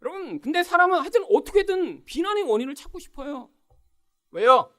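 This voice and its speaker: A man's voice: extremely high pitch, sing-song, a little fast, fairly bright tone. A man preaching a sermon, emphatic, often turning to the congregation with rhetorical questions. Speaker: pastor.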